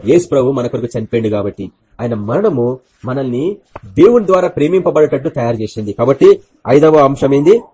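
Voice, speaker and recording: A man preaching a Good Friday sermon, firing rhetorical questions at the congregation and swinging between loud bursts and quiet asides. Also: mid-range voice, animated, a little fast, slightly rough. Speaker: pastor.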